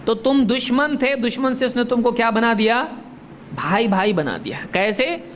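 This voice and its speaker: A man giving a religious lesson. He asks his listeners questions, answers them himself, and recites Arabic verses slowly. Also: very high voice, expressive, a bit bright, slight background noise. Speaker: Islamic religious teacher. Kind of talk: religious lecture.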